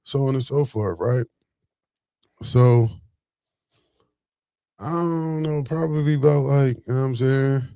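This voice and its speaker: A man's voice: medium pitch, slow, gravelly, pauses often, warm tone, clean tone, no echo. A man in his forties telling a story in a casual, rambling monologue full of fillers and restarts. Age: 40s.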